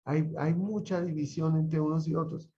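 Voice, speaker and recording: A man with a mellow, slightly high voice teaches an online Bible class. He talks conversationally and keeps checking in with his students through questions. The audio is muffled. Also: fairly even intonation, moderate pace. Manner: conversational, asks the class frequent rhetorical questions.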